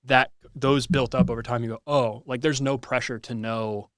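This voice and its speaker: Man, mid pitch, podcast host, thinking aloud, self-deprecating, dry close sound. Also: fairly even intonation, moderate pace, a bit bright, dry recording. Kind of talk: casual reflective conversation.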